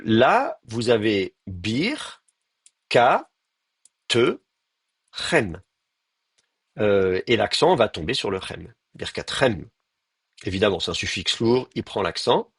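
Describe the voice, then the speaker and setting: A man's voice: lowish voice, vocal fry, dry recording, studio quality. A man teaching a live grammar lecture, thinking aloud with many fillers and restarts and speaking straight to his students. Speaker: Hebrew teacher.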